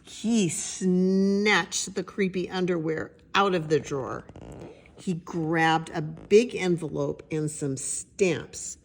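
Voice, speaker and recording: A woman's voice: lowish voice, vocal fry. An older woman with an elderly voice reads a children's picture book aloud, with chatty asides to listeners. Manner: drawn-out, suspenseful phrasing when reading. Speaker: storybook reader. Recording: noticeable background noise.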